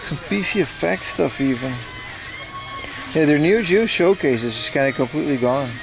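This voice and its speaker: A man's voice: a little high, animated, moderate pace, creaky, crowd noise, poor audio. A man chatting casually and laid-back as he hosts a livestream while browsing a busy store. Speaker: livestream host. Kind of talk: casual chat, IRL livestream commentary. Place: busy retro game store. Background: shop music.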